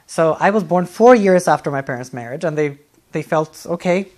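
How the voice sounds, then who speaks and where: A man, answering interview questions in a friendly, relaxed way, often laughing and pausing with fillers. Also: a little high. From Norway. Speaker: guest, dance artist.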